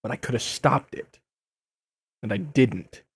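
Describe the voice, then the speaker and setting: A man's voice: mid-range voice, measured pace, breathy edge. A man playing an earnest, exasperated young wisecracking superhero in an audio drama, speaking with impassioned indignation. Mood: regretful, earnest.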